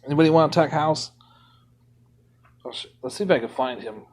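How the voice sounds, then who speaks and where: A man's voice: fairly high pitch, brisk. Ranting, indignant male game streamer. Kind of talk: casual live-stream commentary.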